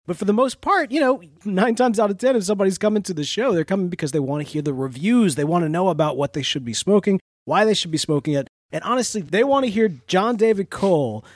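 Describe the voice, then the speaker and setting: Male podcast host, slightly high voice, casual and self-deprecating, dry room sound. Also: lively intonation, quick pace, hardly any pauses, dry recording.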